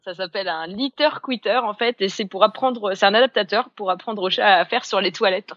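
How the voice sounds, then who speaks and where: A woman co-hosting a podcast, telling things in a relaxed, chatty way. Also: medium pitch, fairly quick, dry recording, highs cut off. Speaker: podcast co-host. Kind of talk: casual podcast chat.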